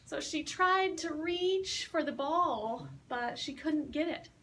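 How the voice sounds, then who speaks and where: A woman teaching English, retelling a fairy tale slowly and patiently, repeating and explaining words as she goes. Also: high-pitched, lively intonation, a bit bright. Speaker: English teacher telling a story. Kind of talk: slow story retelling with word explanations. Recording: distant mic with faint hiss.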